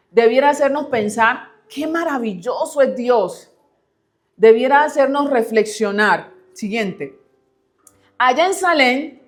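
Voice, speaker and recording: Chatty woman giving a church talk. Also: on the high side. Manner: chatty, laughs often, addresses the congregation as brothers. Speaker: church speaker.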